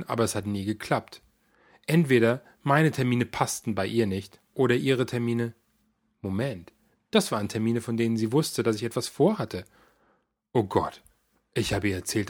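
A man narrating a first-person story in a wry, dryly exasperated manner. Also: lowish voice. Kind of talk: first-person audiobook reading.

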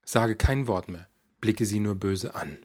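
A man's voice: lowish voice, a little slow, a little mellow. A man narrating a first-person story in a wry, dryly exasperated manner. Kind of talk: first-person audiobook reading.

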